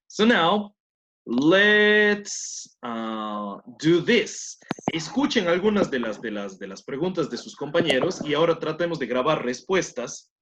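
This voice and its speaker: A man's voice: mid-range voice, a bit bright. A man teaching English to Spanish speakers, mixing both languages and praising students often. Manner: encouraging, repeats praise, switches between Spanish and English. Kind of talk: bilingual classroom instruction. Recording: muffled lo-fi classroom audio.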